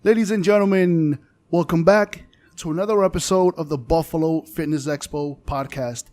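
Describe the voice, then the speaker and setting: A man's voice: on the high side, normal speed, a little mellow, slight background noise. A man from the Dominican Republic hosting a podcast interview, speaking with enthusiastic, hype-style energy. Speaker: podcast host. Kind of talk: casual interview.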